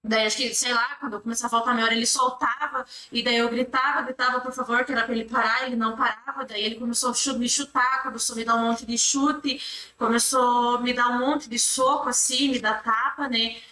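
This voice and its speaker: A Brazilian woman testifying in court, her voice high and bright as she rushes through a long rambling account. She ties her clauses together with the same fillers over and over. The recording sounds echoey, picked up from a distance in a courtroom. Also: fairly even intonation. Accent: Brazilian Portuguese. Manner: rambling retelling, strings clauses with repeated fillers. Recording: echoey room, mic at a distance.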